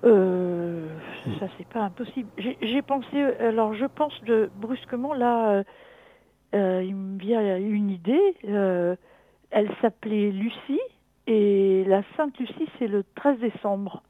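A middle-aged woman heard over a narrow, tinny phone connection. She talks as a caller in a personal conversation, reflective and halting as she thinks aloud. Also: medium pitch, no echo. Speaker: caller consulting a dream analyst.

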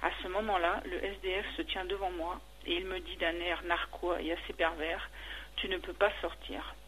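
Woman caller on a radio call-in, crisp bright tone, narrates evenly, falters under questions. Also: on the low side, a little hiss or hum, low-quality recording. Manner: halting and hesitant when answering; steady retelling of a dream. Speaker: caller describing a dream.

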